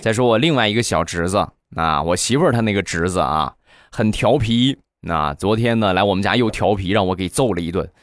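A man's voice: fairly low pitch, fairly quick. Chatty man telling funny stories. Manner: chatty, relaxed anecdote-telling. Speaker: podcast host. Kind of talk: comic storytelling.

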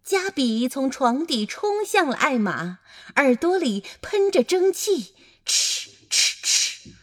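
Animated woman reading a children's story. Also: high voice, slow pace. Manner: animated, playful.

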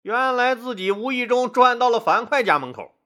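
A man telling history stories as host of an audio show, lively and colloquial with asides. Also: extremely high pitch, moderate pace. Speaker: storyteller host. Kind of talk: history storytelling.

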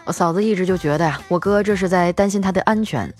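A woman's voice: lowish voice, fast, darkish tone, soft background music. A female host telling scripted comic stories in a playful way, chuckling between jokes.

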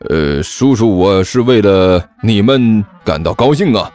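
A man's voice: lowish voice, lively intonation, measured pace, a little mellow, faint music behind. A man voicing a child trafficker who puts on a forced, cheerful manner and stammers with uneasy laughs. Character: fake-friendly male child trafficker, grown man.

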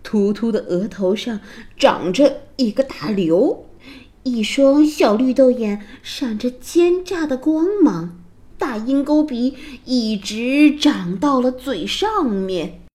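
A woman narrating a children's fairy tale in a slow, expressive storytelling voice. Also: a little high.

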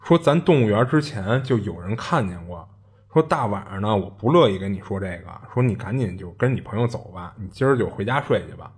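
A man voicing an old zoo gatekeeper who urges in a hushed, cautious tone. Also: on the low side, animated, a little fast, slightly rough. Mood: hushed warning.

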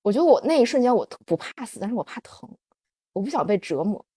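Host note: a woman telling her life story, lively swinging pitch, dry close sound. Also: fast talker, breathy edge, no room sound. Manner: animated, confessional, many fillers. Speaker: podcast host. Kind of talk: personal storytelling on a livestream.

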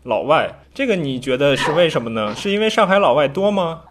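Guy podcast interviewer, slightly high voice, animated intonation, chatty and attentive. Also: a little fast, noisy background. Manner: attentive, frequent short backchannels. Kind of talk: conversational interview.

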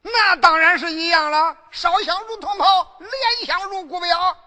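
Lady doing a loud rough guy, blunt, stammers, super high and sharp when he yells. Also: unhurried, heavily acted. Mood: gruff, defiant. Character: rough hot-tempered male sworn brother, former oil seller.

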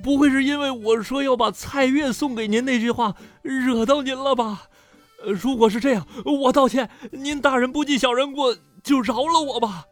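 Super high whiny sleazeball, begging and groveling, with faint music under it. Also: male voice, moderate pace, dry recording. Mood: panicked pleading. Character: fawning, sleazy, cowardly young man. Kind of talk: audiobook character voice.

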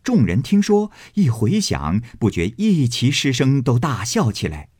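A man narrating a classic novel as an audiobook, in a measured, expressive storytelling manner. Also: mid-range voice, slightly rough, dry recording, clean studio sound.

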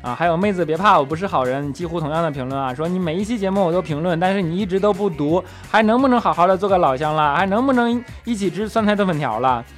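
A man with a fairly high voice reads listener comments with teasing, quick-fire comebacks. He chuckles often as he goes, and faint music sits underneath him. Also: animated. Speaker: podcast host reading listener comments. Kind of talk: comedic comment-reading show.

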